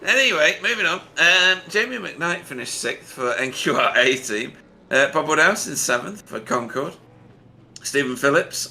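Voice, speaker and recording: A man's voice: medium pitch, vocal fry, pushed and bright. A man commentating on a sim race, chatty and jokey, reading out results with frequent laughs.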